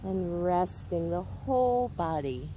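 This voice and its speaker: A woman giving guided yoga instruction in a careful, unhurried way. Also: on the low side, lively intonation, dark tone, slight background noise, rough recording.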